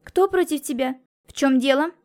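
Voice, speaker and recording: A woman voicing a businessman's anxious, hostile wife, with sharp, suspicious questions in an audiobook. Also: high-pitched, moderate pace, pitched above the performer's own voice. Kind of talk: audiobook character reading.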